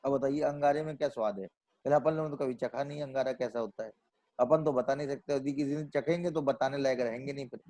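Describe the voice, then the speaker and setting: A man's voice: mid-range voice, quick pace, dark tone. A man giving a religious lecture on scripture, asking rhetorical questions and then answering them himself, often restating his points. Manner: repeats and restates phrases as he reasons aloud. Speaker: Jain scholar lecturing on scripture.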